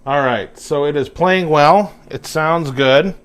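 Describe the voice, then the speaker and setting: A man's voice: fairly high pitch, slow. A man working as a guitar repair technician, talking casually through a setup in his shop with plenty of fillers. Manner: relaxed, talks while working, filler-heavy. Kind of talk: casual workshop narration.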